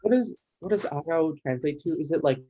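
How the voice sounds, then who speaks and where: Casual halting male language teacher. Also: fairly high pitch, lively intonation, highs cut off, heavy background noise. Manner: casual, halting, many fillers. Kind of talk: online language class.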